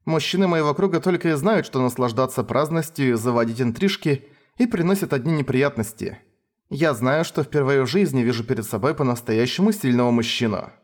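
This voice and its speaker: A man reading a story, putting on a haughty young noblewoman, a count's daughter who is quick to anger. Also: lively intonation, natural voice. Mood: earnest. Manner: raised pitch, indignant and shrill when angry.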